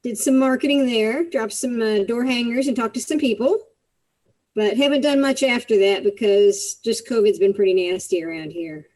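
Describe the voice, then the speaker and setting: An easygoing woman tells a relaxed story on a video call. Her voice sits a bit high and her pace is unhurried. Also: poor audio. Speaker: meeting participant. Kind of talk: casual video call update.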